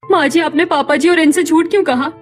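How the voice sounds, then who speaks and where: A woman voicing a meek, mistreated young village wife in a cartoon story, gentle and pleading. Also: high voice, a little fast, lightly acted.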